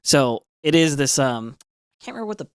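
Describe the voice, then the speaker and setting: A man co-hosting a podcast, chatting casually and excitably, rambling with lots of filler words. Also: a little high, brisk, clear, resonant tone, no room sound, studio quality. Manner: excitable, rambling, heavy use of "like". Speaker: podcast co-host. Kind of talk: casual chat recapping an anime episode.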